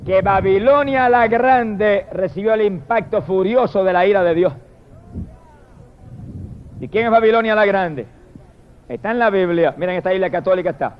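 A man preaching a fiery sermon, swinging from shouted hallelujahs to low murmured praise. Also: normal speed, long pauses. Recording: dull lo-fi recording.

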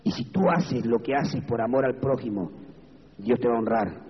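A man with an Argentine Spanish accent preaching an evangelical sermon as pastor, moving from low, measured speech to high, fervent exclamations. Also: slightly rough. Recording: reverberant hall, dull lo-fi sound, faint background noise.

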